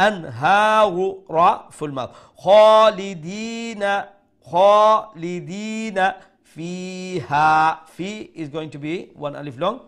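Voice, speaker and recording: A man teaching Quran recitation rules live, explaining slowly and reciting words in a sung tone. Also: fairly high pitch, fairly bright tone. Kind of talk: live tajweed lesson, switching between Bengali and English.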